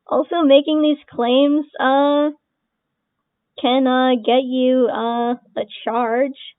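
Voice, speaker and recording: A young woman delivers casual reaction commentary in a sarcastic, dismissive way, cursing freely. She talks slowly in a fairly high voice. The sound is tinny and dry, like a phone line. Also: clean tone, dry recording. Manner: dismissive, sarcastic, swearing, laughing between remarks. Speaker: online creator responding to accusations.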